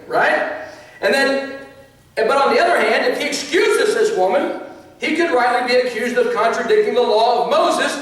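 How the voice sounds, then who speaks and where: High-voiced preacher in an echoey hall. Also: male voice, fairly bright tone, distant mic. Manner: conversational preaching with asides and small laughs. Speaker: pastor. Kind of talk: sermon. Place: church sanctuary.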